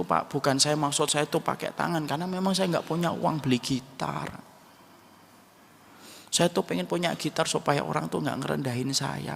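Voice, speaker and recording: A man's voice: on the high side, gravelly, fairly bright tone, long reverb tail, a little hiss or hum. A man voicing a humble, sad young male street busker who speaks plainly and runs himself down. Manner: plain, sad, self-deprecating.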